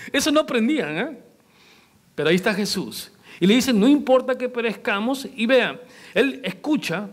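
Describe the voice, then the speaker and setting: A male pastor preaching a sermon, asking the congregation question after question and acting out the lines he quotes. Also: high voice. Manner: acts out quoted lines in varied voices.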